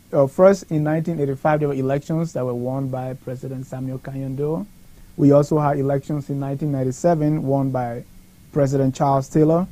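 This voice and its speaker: A man hosts a panel talk show, posing his questions in a measured, formal manner. His voice sits a touch high but has a dark, mellow tone. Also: poor audio. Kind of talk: moderating a political panel discussion.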